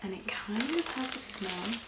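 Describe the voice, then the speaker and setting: Soft breathy woman, whispered role-play, roomy echo. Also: medium pitch, animated, unhurried. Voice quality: soft-spoken, often breathy and half-whispered. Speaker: ASMR performer playing a personal shopper. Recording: roomy echo, clear background noise.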